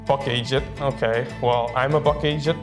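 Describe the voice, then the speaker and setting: A man's voice: mid-range voice, fairly even intonation, normal speed, music in the background. A young man with a Northern Irish accent, explaining things informally in a chatty, good-humoured and self-deprecating way. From North Down, Northern Ireland. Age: young adult. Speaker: student presenter explaining local slang.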